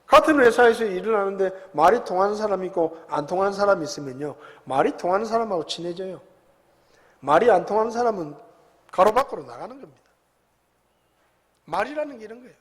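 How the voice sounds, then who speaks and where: A man preaching a sermon as pastor in a church sanctuary, talking conversationally, with big swings between loud and soft. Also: high-pitched, expressive, fast. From South Korea. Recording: long hall reverb.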